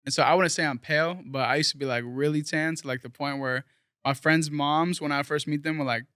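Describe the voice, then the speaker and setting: A man's voice: a little high, steady tone, a little fast, bright, forceful tone, smooth, no echo, studio quality. A young man from South Florida, a guest musician talking casually in an interview, rambling earnestly with lots of fillers.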